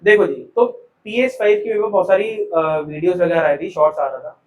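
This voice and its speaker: Chatty teacher in an echoey classroom. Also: male voice, sits high, quick pace, distant mic, a little hiss or hum. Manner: chatty, asks students questions, calls them beta and ji. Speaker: commerce teacher. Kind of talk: live classroom lecture.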